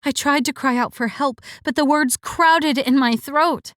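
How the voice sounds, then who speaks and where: A woman reads a first-person romance audiobook in a fairly high voice. Her delivery is expressive and wry. The recording is close and dry. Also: a little slow, no room sound. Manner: expressive, wry inner monologue. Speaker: audiobook narrator.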